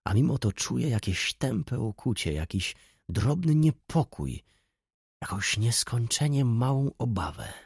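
A man's voice: medium pitch, very animated, measured pace, vocal fry, a little mellow, husky, dry recording, clean studio sound, heavily acted. A man reading an audiobook, voicing a restless, brooding middle-aged merchant who speaks with passion.

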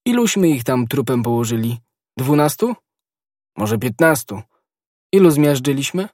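A man voicing a proud, stern musketeer nobleman in an audiobook. He speaks with dry, measured scorn, in a mid-pitched voice, recorded close and dry. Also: big pitch swings, darkish tone, no echo. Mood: scornful. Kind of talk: audiobook character reading.

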